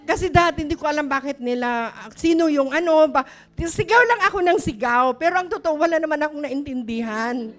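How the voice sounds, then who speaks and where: A woman's voice: sits high, fairly quick, a bit bright, soft background music. A middle-aged woman pastor, preaching a chatty, story-filled sermon that often questions the congregation. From Philippines.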